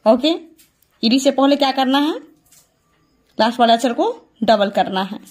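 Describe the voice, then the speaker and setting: A woman's voice: sits high, lively intonation. A woman teaching English grammar, repeating each rule as a question and answering it herself. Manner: repeats key points as questions to students; slow and deliberate, drawing out rule statements. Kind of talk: classroom lesson explaining verb forms.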